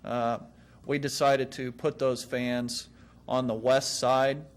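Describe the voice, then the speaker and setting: Male applicant at a meeting: monotone, medium pitch, plain explanatory delivery. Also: slow pace. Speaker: applicant answering questions.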